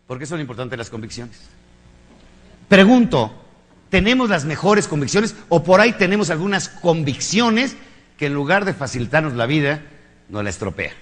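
A man with a Mexican accent lecturing an audience in a motivational talk, his voice sitting a little high for a man. He preaches emphatically, firing off rhetorical questions and crude jokes. The sound rings with the long reverb of a large hall. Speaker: motivational speaker.

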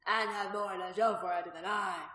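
A woman reading the part of a sly, prosperous, graying male innkeeper who talks loudly and teasingly, in a storybook reading. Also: medium pitch, steady tone, moderate pace, lightly acted. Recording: roomy echo.

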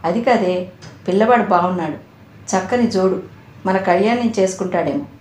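A woman's voice: mid-range voice, normal speed, darkish tone, natural voice. Woman reading as a grumbling middle-aged father. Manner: grumbling, scolding. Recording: echoey room.

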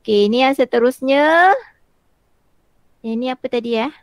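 A woman teacher, demonstrating a tool in an online workshop and filling pauses with "ah" over a video call. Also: sits high, clean tone, dry recording. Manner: chatty, frequent "ah" fillers while walking through screens.

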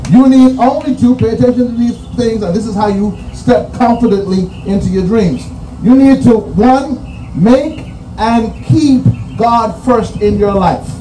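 A man's voice: very high-pitched, unhurried, dark tone. A man with a Bahamian accent giving a commencement address in a preaching cadence, stressing his points and repeating key phrases. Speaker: commencement speaker. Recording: roomy echo, distant mic, faint music.

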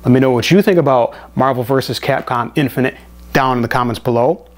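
A man's voice: mid-range voice, fast talker. A man in his thirties or forties, a gaming video host talking casually to his viewers. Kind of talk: casual gameplay commentary and talk to viewers.

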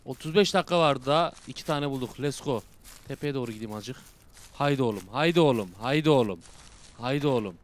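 A young man giving casual, slangy commentary while playing a horror game, bursting into loud shouts and dropping to low mutters. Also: brisk. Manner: excitable, swings between loud outbursts and low mutters; casual slangy banter with viewers. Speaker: gaming YouTuber.

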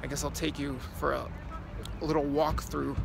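With a fairly high, creaky voice that barely moves in pitch, a young man gives a relaxed walk-and-talk tour to the phone he holds out at arm's length. He speaks at a moderate pace while crossing a city square at dusk, over noticeable background noise.

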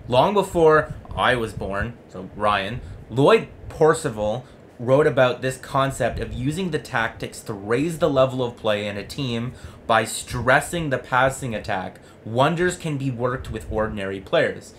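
A young man gives conversational sports commentary, arguing with himself as he explains his point. His voice is mid-pitched and earnest. There is some noise in the room around him. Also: animated, unhurried, fairly bright tone. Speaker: sports vlog host. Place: small home room with jerseys on the wall.

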